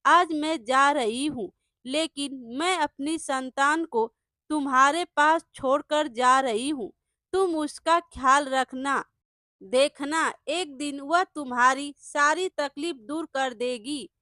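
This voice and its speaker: A gentle mother goat, voiced by a woman storyteller, speaks a soft, loving farewell. The voice sits high and bright. It is delivered slowly and tenderly, like a storybook scene, and the sound is dry and close. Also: no echo, exaggerated voice.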